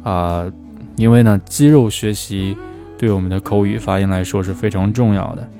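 A man teaching English pronunciation, who slows down to drill phrases again and again. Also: on the low side, music in the background. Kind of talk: spoken language lesson.

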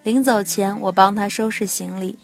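Female narrator of a read-aloud love story, intimate and soft, mid-pitched, over faint background music. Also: steady tone, moderate pace, creaky.

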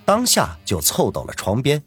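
A man's voice: medium pitch, huge pitch swings, normal speed, a bit bright, husky, soft background music. A man narrating a serialized web novel in a dramatic storytelling manner. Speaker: audiobook narrator.

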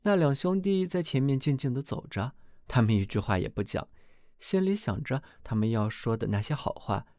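A man reading a fairy tale aloud as narrator, expressive and animated. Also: medium pitch, moderate pace, no echo, studio quality.

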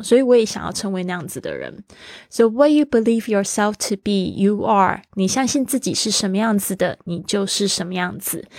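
A woman's voice: medium pitch, no echo, clean studio sound. A young woman hosting a casual podcast, explaining English phrases in Mandarin and mixing English words into her chatty talk. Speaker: podcast host and English teacher.

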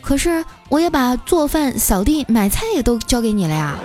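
A woman voicing a bossy, sharp-tongued wife with a cool, mocking manner. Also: a little high, very animated, moderate pace, faint music behind, voice pushed up.

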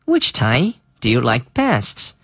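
Man teaching English words slowly. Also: mid-range voice, huge pitch swings, fairly bright tone, no room sound, clean studio sound. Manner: spells words letter by letter and repeats phrases slowly. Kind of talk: slow vocabulary lesson.

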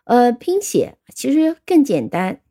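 Woman teacher going over english words, spells them out slow, kinda gravelly, darkish tone. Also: on the high side, very animated, warm tone. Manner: spells words letter by letter, patient explaining; frequent fillers, switches between Chinese and English. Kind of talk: spoken vocabulary lesson.

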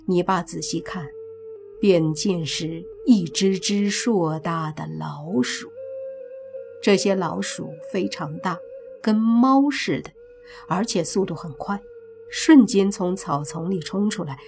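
A woman narrating a suspense novel as an audiobook, reading slowly and voicing the characters herself. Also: fairly low pitch, darkish tone, soft background music. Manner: slow, measured storytelling voicing all characters.

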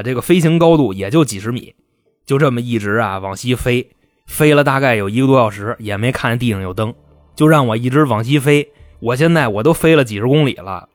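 A man's voice: mid-range voice, no echo. A man hosting a podcast, telling a true-crime story in casual, salty everyday speech and acting out the people in it. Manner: colloquial, salty, acts out the quoted people. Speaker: podcast host.

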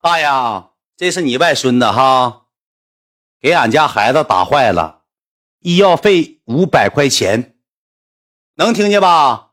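A gruff, drunk laborer uncle presses his point bluntly, as a man puts him on. His voice swings up and down as he pushes. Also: lowish voice, lively intonation, brisk, bright, forceful tone, pitched below the performer's own voice. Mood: pushy.

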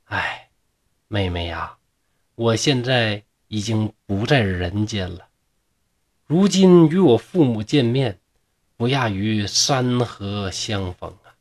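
A man voicing a soft, sorrowful young woman ghost. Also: expressive. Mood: mournful. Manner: soft, low and slow, drawn-out sighs.

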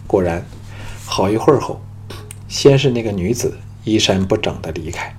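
A man narrating an audiobook in a steady storytelling manner. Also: on the low side, normal speed, slight background noise.

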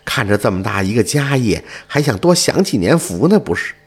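A man's voice: mid-range voice, big pitch swings, fairly quick, husky, soft background music. Man doing a wheedling greedy mother-in-law. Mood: coaxing. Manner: sweet-talking, wheedling.

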